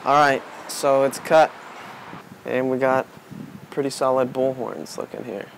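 This DIY tutorial presenter, a man in his twenties, speaks in a creaky mid-range voice at a measured pace while working with his hands on an outdoor wooden porch, improvising a casual how-to. The low-quality camera audio has steady background noise.

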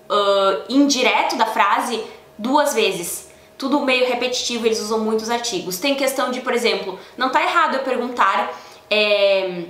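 A woman's voice: a little high, a bit bright, echoey room. A woman giving a casual video lesson as a Spanish teacher, chatty and self-correcting. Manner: chatty, many filler "né?" tags, self-correcting.

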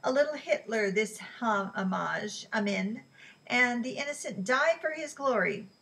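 A woman reading aloud who voices a stubborn elderly woman, with a higher, louder, scornful delivery. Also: a little slow, far from the mic. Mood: indignant. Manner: indignant, scornful.

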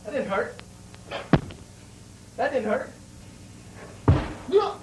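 A clingy young guy who whines and pleads in a high, swooping voice, as a man puts him on. The pitch leaps all over the place. It sounds like a noisy home recording made from a distance in an echoing room. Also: big pitch swings, very slow, full character voice. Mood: wheedling. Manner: pleading, giggly, calls everyone dude and man. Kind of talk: homemade comedy sketch.

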